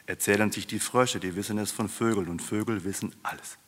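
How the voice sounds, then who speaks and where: A timid male carp, put on by a man, nervous and hurried in a storybook. The voice jumps above the reader's low tone, with a long hall reverb around it. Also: a bit bright.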